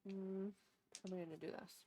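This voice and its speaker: A woman's voice: mid-range voice, steady tone, brisk, mellow. A woman running a tabletop game as game master, thinking aloud as she goes.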